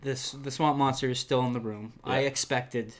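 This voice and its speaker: A man's voice: mid-range voice, steady tone, normal speed, a little hiss or hum. Man reading a spooky book, laughing asides. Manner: laughing asides, many fillers. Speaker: podcast host reading a book aloud. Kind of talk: casual read-aloud with commentary.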